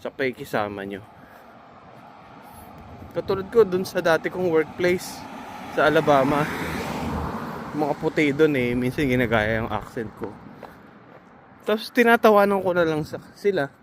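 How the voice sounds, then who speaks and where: A man's voice: fairly high pitch, expressive, moderate pace, pauses often, noisy background. A Filipino man giving casual, earnest advice to fellow nurses in a vlog, reassuring and full of hesitant fillers.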